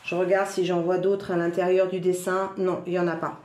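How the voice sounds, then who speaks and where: A woman from northern France with a northern French accent, chatting excitedly through a crafts unboxing at home, full of little exclamations. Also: lowish voice, brisk. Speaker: crafts vlogger. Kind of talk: casual product unboxing. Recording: roomy echo.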